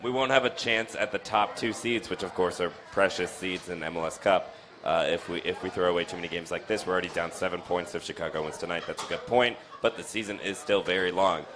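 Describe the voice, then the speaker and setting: A young man hosting a casual soccer post-game chat in a bar, talking with lots of restarts and jumps in pitch. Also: fairly even intonation, fast, noisy background. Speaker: soccer show host. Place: dim bar. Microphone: studio mic on stand with foam cover, headphones.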